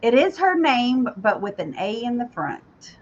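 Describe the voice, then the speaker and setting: Woman on a stream teasing her friend, higher voice, dull muffled sound. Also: very animated, a little slow, a little hiss or hum. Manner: teasing, laughs easily. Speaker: co-host. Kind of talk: casual livestream chat.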